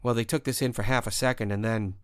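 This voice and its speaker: A man hosting a radio show, telling a first-person story in a measured, expressive way and raising his voice at the tense moments. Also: medium pitch, smooth, no room sound, studio quality.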